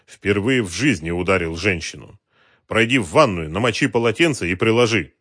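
A man's voice: lowish voice, lively intonation, a little fast, fairly bright tone, no room sound, studio quality. A man doing a stern, commanding detective. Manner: stern and curt. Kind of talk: audiobook character voice.

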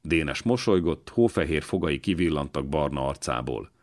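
A man narrating an audiobook in a measured, even storytelling manner. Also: very deep voice. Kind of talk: scripted narration.

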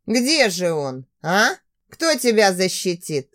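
A woman's voice: mid-range voice, sing-song, slow, a bit bright. A woman voicing a cruel, abusive young husband who sneers and growls threats in a storybook reading. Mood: menacing.

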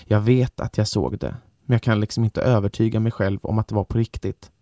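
A man's voice: fairly low pitch, steady tone, mellow, dry recording. A man giving a scripted first-person horror narration with grave, intense storytelling, recorded in a radio podcast studio.

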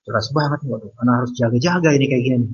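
A man's voice: medium pitch, rapid-fire, husky, lo-fi sound. A man with an Indonesian accent, an Islamic preacher, telling an anecdote in a casual, chatty way during a religious lecture, sprinkled with Arabic religious phrases.

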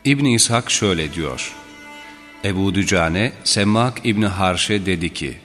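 Low male narrator, measured and solemn, reading religious history, long reverb and soft music behind. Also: expressive. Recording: reverberant with faint background music.

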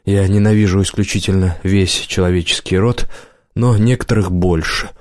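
A male audiobook reader voicing a weary, misanthropic squad leader who speaks quietly with dry sarcasm. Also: low-pitched, steady tone, normal speed, close to an everyday voice. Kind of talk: audiobook character voice.

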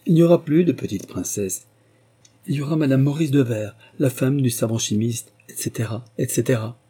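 A man's voice: mid-range voice, normal speed, warm tone, husky, voice pushed up, lightly acted. A man reading an audiobook voices a young princess, raised and emotional, swinging between tears and laughter. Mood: playful. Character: young woman, tearful and joyful princess daughter.

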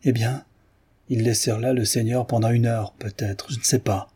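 A man reading the part of a gruff, dying old peasant confessing a crime he witnessed, in an audiobook. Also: mid-range voice, steady tone, normal speed, dark tone. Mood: grave.

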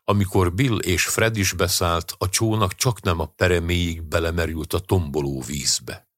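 A male audiobook narrator with a very deep, husky voice. He tells the story in a measured, even way. The recording is close and dry, with no room sound. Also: no room sound.

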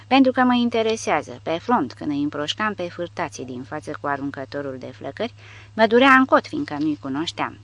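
A man reading the part of a nervous condemned cavalry prisoner who asks quiet, pressing questions in an audiobook. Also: fairly high pitch, very animated, no room sound. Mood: uneasy.

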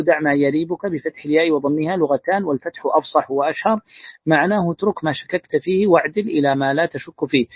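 Male sheikh, quick husky delivery, reads a text aloud and glosses it, dull dry lo-fi recording. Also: a little high, no echo. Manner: reads a classical text aloud, then adds brief plain remarks. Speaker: sheikh teaching hadith. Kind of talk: religious lesson reading and explaining a text.

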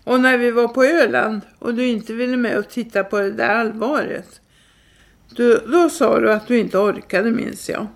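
Lady reading as a big brother cracking dry sarcastic jokes, ribbing his sibling, voice sits a bit high. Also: natural voice. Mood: teasing. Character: teasing grown man, the narrator's older brother.

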